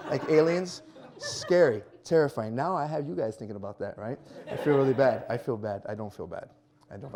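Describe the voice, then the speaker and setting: A man in his thirties doing a stand-up comedy set, animated and self-mocking, acting out little scenes. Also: fairly high pitch. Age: 30s. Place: small performance venue before a live audience.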